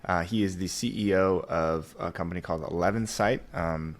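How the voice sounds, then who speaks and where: A man hosting a podcast, introducing a guest with many filler pauses. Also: sits low. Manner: many filler "uh"s, halting delivery. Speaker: podcast host.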